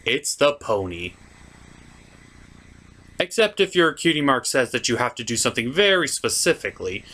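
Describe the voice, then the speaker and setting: A man with a fairly high, slightly bright voice hosts a comedic cartoon review show. He delivers scripted commentary and asides with theatrical, mock-dramatic emphasis.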